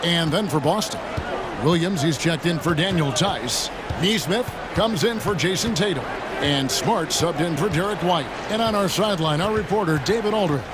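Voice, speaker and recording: An American man voicing a brisk, polished play-by-play announcer in a basketball video game. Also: on the high side, very noisy, close to an everyday voice. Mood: brisk, focused. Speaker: play-by-play commentator. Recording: loud music and arena crowd behind. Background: music, crowd, bouncing basketball.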